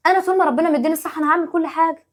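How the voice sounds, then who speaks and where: A woman's voice: very high-pitched, steady tone. A woman with an Egyptian accent playing a put-upon young wife and mother in a family sketch, talking in an exasperated, pleading way. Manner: exasperated, pleading, quick rapid-fire talk. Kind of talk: home-video family sketch acting.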